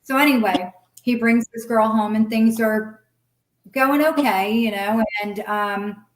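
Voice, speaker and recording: A woman's voice: a little high, measured pace. A middle-aged woman telling a personal story candidly and bluntly, swearing freely and acting out past conversations in quoted voices. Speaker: guest sharing her story. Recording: roomy echo.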